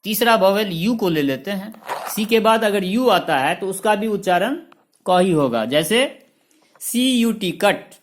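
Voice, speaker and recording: A man's voice: high voice, measured pace. A man teaching a lesson, listing example words one by one and spelling some of them out letter by letter. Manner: lists examples in a steady rhythm. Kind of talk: classroom-style lesson explanation.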